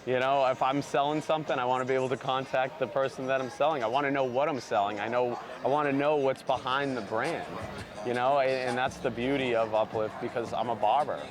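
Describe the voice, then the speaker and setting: At a bustling outdoor trade convention, a man who started a barber brand speaks earnestly in a sit-down interview, relying on lots of "you know." His medium-pitched voice stays steady and brisk, heard over music.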